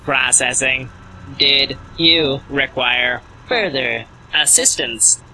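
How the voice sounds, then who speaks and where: A man voicing a stiff robot refugee assistance unit, speaking in clipped, monotone machine phrases with a computer-processed voice. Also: mid-range voice, takes it slowly, a little hiss or hum, poor audio. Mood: mechanical.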